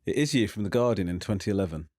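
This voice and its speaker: A man's voice: on the low side, animated, rapid-fire, darkish tone, dry recording, clean studio sound. A man hosting a casual comedic podcast chat, teasing his guest and reading out quotes. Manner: playful, teasing, reads out quotes. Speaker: podcast host.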